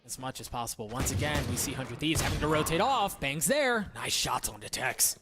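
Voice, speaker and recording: A man giving live esports play-by-play as a caster, in a delivery built for excited calls. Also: medium pitch, brisk, over music. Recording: game gunfire and clicks behind voice.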